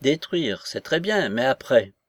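A man voicing an excitable, fanatical old aristocratic woman in a read-aloud novel. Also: medium pitch, measured pace, dry recording, studio quality. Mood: insistent. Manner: agitated, exclaiming, insistent.

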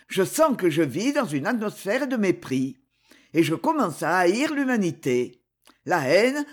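Brief: man reading a scheming little spy who grovels with menace, husky, high and lively. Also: full character voice. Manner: fawning yet sinister, intense. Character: scheming small ambitious male spy lawyer. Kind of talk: audiobook character reading.

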